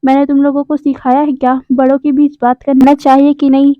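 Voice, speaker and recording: A woman's voice: high-pitched, little pitch movement, brisk, no room sound, natural voice. A woman voicing a stern young man who scolds his partners and children, in a plain reading voice. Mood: scolding. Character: stern young male mother-figure, bossy with partners. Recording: slightly dull, dry close recording.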